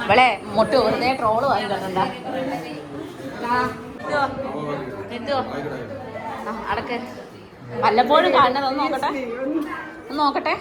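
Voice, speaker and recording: A young mother, chatting casually to viewers in a family vlog. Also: on the high side. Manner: chatty, fast, addresses viewers directly. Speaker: family vlogger.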